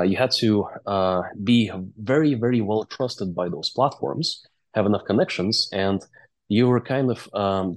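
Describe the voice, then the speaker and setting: In a rough recording, a game company's founder and CEO, a man with a low voice, shares stories conversationally during an interview. Russian or Latvian is his first language.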